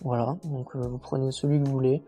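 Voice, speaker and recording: A man giving a casual, chatty motorcycle walkthrough, relaxed and full of fillers and self-mocking jokes. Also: mid-range voice, brisk, faint music behind. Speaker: motorcycle reviewer.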